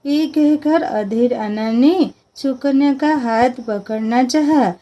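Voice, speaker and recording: A woman narrating a moral story with steady, even reading. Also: high voice, slow pace.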